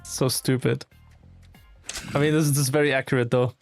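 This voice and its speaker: A man's voice: medium pitch, little pitch movement, a little fast, faint music behind. A man giving casual livestream commentary as he plays, rambling along with muttered asides. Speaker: game streamer.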